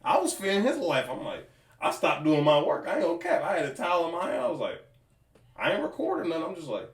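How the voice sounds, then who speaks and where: A man in casual chat, telling stories in lively slangy speech. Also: a little high, fast talker, roomy sound, far from the mic. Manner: animated storytelling, slangy. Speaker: co-host.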